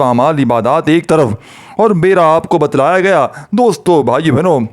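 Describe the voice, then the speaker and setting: Pleading with his listeners and calling them friends again and again, a preacher gives a devotional talk to viewers in a voice slightly high for a man. When he leads the blessing, he moves into an earnest, prayerful tone.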